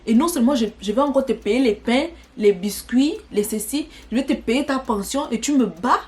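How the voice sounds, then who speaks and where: High-voiced woman telling a dramatic story. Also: moderate pace. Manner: animated, dramatic retelling. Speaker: vlogger. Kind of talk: storytime vlog.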